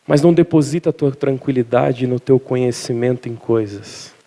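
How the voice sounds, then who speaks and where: A man's voice: medium pitch, normal speed. A man preaching a sermon in church, telling jokes and stories to the congregation. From Minas Gerais, Brazil. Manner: lively storytelling with jokes to the congregation. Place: church service.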